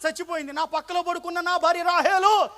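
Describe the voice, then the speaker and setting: Preacher voicing a grieving old shepherd, soft and wailing, high bright voice. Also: male voice, fairly even intonation, fast. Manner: wailing repetition. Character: grieving old shepherd man mourning his wife.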